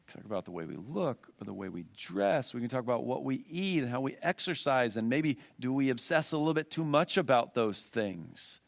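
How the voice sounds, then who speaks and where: Male pastor, mid-pitched, earnest and emphatic sermon delivery with rhetorical questions, dry close sound. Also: expressive, brisk, vocal fry, hardly any pauses, no room sound. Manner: emphatic, repeats key phrases. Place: church with a screen.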